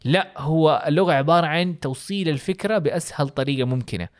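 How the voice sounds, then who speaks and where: A man teaches English in a relaxed podcast chat. He talks at a brisk clip and piles up examples, acting out each phrase with exaggerated intonation. The sound is dry and close to the mic. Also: fairly high pitch, no echo. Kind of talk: casual explanatory lesson chat.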